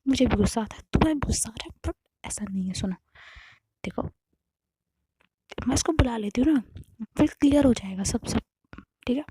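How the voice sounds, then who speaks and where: A woman's voice: a little high, animated, brisk, pauses often, warm tone, a little hiss or hum, lightly acted. A woman storyteller voicing a young woman who coaxes and pleads with her upset partner. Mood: coaxing.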